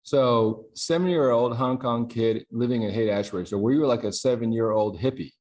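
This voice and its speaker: A man's voice: medium pitch, moderate pace, a little mellow. A man hosting an interview, asking friendly questions with light jokes. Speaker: interview host. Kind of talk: casual interview conversation.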